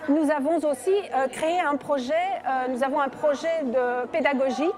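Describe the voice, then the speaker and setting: A woman's voice: high voice, normal speed. A middle-aged woman, a heritage association founder, speaking with enthusiasm and many hesitations in an outdoor interview. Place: outdoors at a church event. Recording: crowd audible behind.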